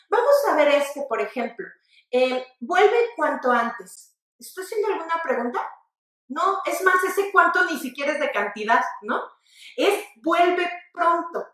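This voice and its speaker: High-voiced Mexican woman teaching spelling. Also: very echoey, distant mic. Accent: Mexican Spanish. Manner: lively, addresses viewers directly, asks them to repeat aloud. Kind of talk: online grammar lesson. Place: studio set with floor manager.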